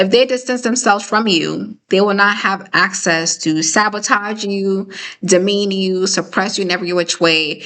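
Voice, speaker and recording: A woman hosts a casual live stream, talking straight to her viewers in a clear, bright voice that sits at a middle pitch. She keeps it conversational and emphatic, tagging her points with "okay?" and "right?" as she goes. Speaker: host of a live discussion.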